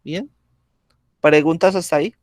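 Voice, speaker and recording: A man's voice: a little high, fairly even intonation, no echo, clean studio sound. A man teaching a grammar lesson over a video call, speaking patiently and checking in with the class often. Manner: slow, patient, checks in with frequent "¿sí?".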